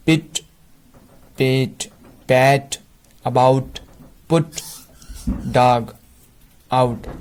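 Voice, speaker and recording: Indian male tutor, flat delivery, unhurried, explains and repeats words one at a time. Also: mid-range voice. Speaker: English teacher. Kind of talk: Hindi-language phonetics lesson.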